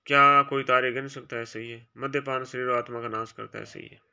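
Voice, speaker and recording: In this grammar lesson for exam prep, a man voices each quiz choice and follows it with a brief, softer, lower-pitched verdict on whether it's correct. His delivery is brisk and fairly even, clear and resonant, with a touch of vocal fry.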